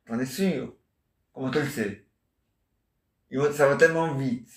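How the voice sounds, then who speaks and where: In an echoey room, a man with a medium-pitched voice speaks at a measured pace, improvising a rambling comic monologue as an amateur solo performer. He chats, answers imagined listeners, tacks questions onto his lines, and uses "hein?" and "ah ouais" constantly.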